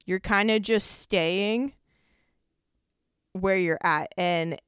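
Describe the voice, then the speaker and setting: A woman's voice: mid-range voice, extremely slow, fairly bright tone, smooth, no room sound, clean studio sound. A woman in her twenties hosting a solo podcast, talking casually and rambling with lots of "like" as she thinks aloud. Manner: rambling, heavy use of "like". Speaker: podcast host.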